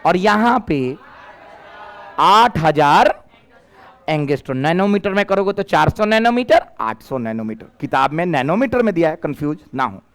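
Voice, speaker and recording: A man's voice: fairly high pitch, sing-song, moderate pace. A man runs a physics class. He keeps throwing questions back at the students, then answers them himself. His talk moves between plain Hindi and Bhojpuri phrases. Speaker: teacher.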